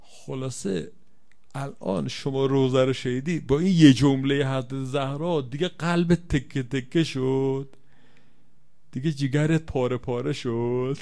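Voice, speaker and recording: A man's voice: medium pitch, steady tone. A man giving a religious lecture, reading aloud from an old Arabic text and translating it line by line for his listeners. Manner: swings from quiet to loud, emotional emphasis. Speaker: preacher.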